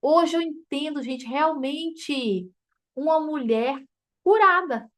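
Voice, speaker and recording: Brazilian woman teaching a faith class, high voice, chatty and emotional, laughs a lot. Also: slow, fairly bright tone, a little hiss or hum. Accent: Brazilian Portuguese. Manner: chatty and emotive, addressing listeners as "gente", laughs often. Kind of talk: informal teaching talk to a group.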